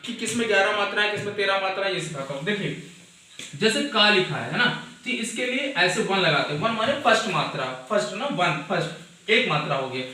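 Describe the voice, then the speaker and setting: A man teaching a Hindi exam chapter, mixing English and Hindi and repeating key points slowly. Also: sits high, pushed and bright, a little hiss or hum. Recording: echoey room, mic far off.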